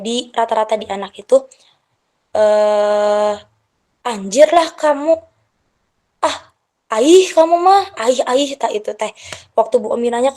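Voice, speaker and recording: Woman teacher, slightly high voice. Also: darkish tone. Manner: methodical, walks through a numbered checklist. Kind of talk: lecture to parents.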